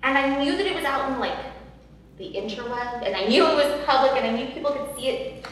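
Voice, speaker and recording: A podcast guest, a woman, tells a personal story during an interview in a loud, heartfelt, high-pitched voice that is animated and fairly quick. She is earnest and emotional, using many fillers and repeating herself. The recording sounds roomy and distant, as if captured from far off in an echoey hall, with faint noise.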